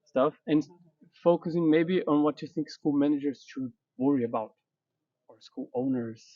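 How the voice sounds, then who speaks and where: Halting man asking questions from off-mic. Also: a little high, dry recording. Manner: halting, searching for words. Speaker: interviewer, school founder. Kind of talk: casual interview questions. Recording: distant, muffled mic.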